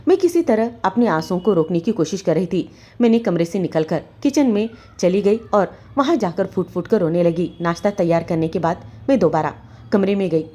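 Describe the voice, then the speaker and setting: Mellow-voiced woman telling a story. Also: lowish voice, lively intonation, moderate pace. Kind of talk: scripted first-person narration.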